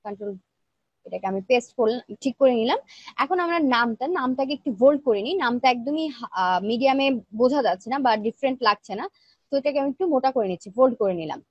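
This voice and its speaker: A woman teaching an online design class, explaining each step plainly and checking in with her students, speaking softly because she feels weak today. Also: high-pitched, lively intonation, fast, no room sound, dull audio. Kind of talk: live screen-share tutorial.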